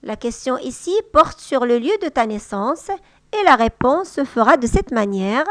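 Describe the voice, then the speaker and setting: A woman with a high voice gives a language lesson at an unhurried pace. She says each model phrase twice, a touch louder. The sound is dry and close to the mic. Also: animated, dry recording. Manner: patient, repeats example sentences slowly and louder. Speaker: French teacher. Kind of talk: slow, clear language lesson.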